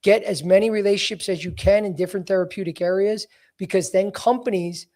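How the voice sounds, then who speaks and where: A man's voice: high-pitched, a little fast, a little mellow. A man in his forties hosting a casual advice podcast as a career coach, talking bluntly and emphatically with plenty of "you know" fillers. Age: 40s.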